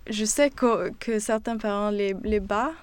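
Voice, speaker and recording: Slow, hesitant woman speaking French. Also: medium pitch, clear, resonant tone. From Sweden. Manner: hesitant, searching for words, many fillers. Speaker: interviewee. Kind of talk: casual conversation.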